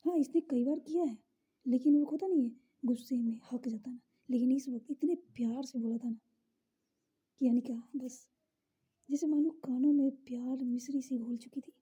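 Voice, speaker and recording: A woman narrating a romance story in a soft, half-whispered, breathy voice. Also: high-pitched, steady tone, normal speed.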